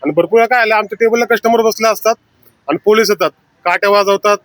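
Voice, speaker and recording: A man who owns a hotel speaks fast and insistently in a street interview. His voice sits fairly high and sounds dry and close. He complains steadily about losses. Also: fairly bright tone, no room sound. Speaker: hotel owner.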